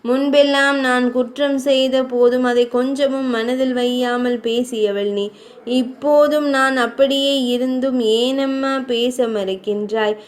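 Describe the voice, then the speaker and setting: A woman voicing a grief-stricken young king who mourns his dead wife in a slow, mournful lament. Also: sits high, steady tone. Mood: pleading grief.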